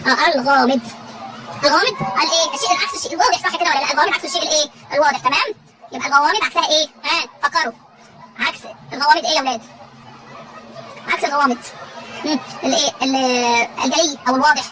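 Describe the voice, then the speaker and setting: A woman's voice: sits high, racing. A woman teacher with an Egyptian Arabic accent drills vocabulary with a class, asking each question again and again and having the class answer back. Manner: repetitive call-and-response questioning. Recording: loud crowd and background noise.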